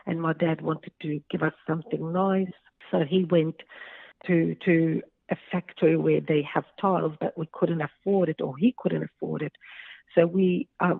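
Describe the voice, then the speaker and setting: Heartfelt woman with a creaky phone-line voice. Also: sits low, dry recording. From Lebanon. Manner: earnest, heartfelt, hesitant fillers. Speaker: author guest. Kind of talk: phone interview. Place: her home. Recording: tinny dry phone line.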